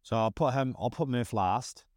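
A man's voice: mid-range voice, moderate pace, a little mellow, no room sound, studio quality. A man with a broad New Zealand accent chatting casually, rambling and repeating his phrases in slangy talk. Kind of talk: casual chat.

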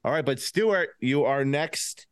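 A man's voice: mid-range voice, animated, measured pace, smooth, no echo, clean studio sound. Lisping man hosting a podcast. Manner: lisp, laughs often. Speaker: podcast host running a game draft. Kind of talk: casual podcast chat.

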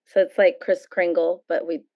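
A middle-aged American woman with a slightly low voice talks casually, like a guest sharing personal stories. The sound is dry and a little dull. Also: flat delivery, normal speed, no room sound. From San Francisco Bay Area, USA. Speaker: interview guest.

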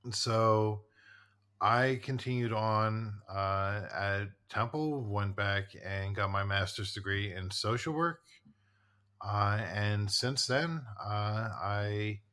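With a lowish, slow, bright voice that has a forceful yet clean tone, a forties-aged therapist co-hosting a podcast rambles through casual chat. His speech is full of fillers and restarts.

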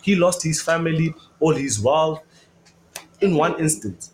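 A man's voice: on the high side, expressive, measured pace, a little hiss or hum, rough recording. A young man co-hosting a casual faith podcast, talking earnestly and rambling with many fillers. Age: young adult. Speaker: podcast co-host.

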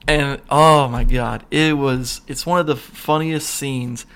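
A man hosting a podcast talks casually about comedy movies, rambling with lots of fillers and restarts and chuckling as he retells scenes. His mid-range voice is steady, slow, fairly bright, clear and resonant.

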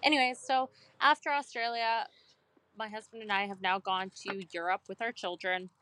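A woman's voice: mid-range voice, steady tone, moderate pace, a bit bright, slight background noise. A woman in her thirties co-hosting a podcast, telling stories in a loose, rambling way full of "like". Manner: rambling storyteller, heavy use of "like". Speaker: podcast co-host. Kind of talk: casual podcast chat.

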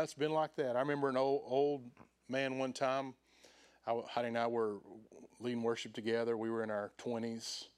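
Animated middle-aged man preaching a sermon. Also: medium pitch. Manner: animated, acts out quoted voices, rising and falling loudness. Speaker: pastor. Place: church.

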